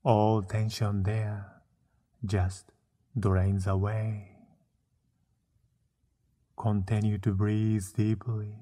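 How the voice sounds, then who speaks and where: A man narrating a guided meditation, soothing and unhurried, with frequent pauses between short phrases. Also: lowish voice, completely flat delivery, mellow.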